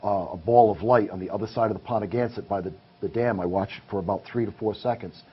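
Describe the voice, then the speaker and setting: Here a paranormal investigator speaks fast in a lowish voice. As the guest of a casual interview, he earnestly details his findings, on a muffled recording with faint hiss.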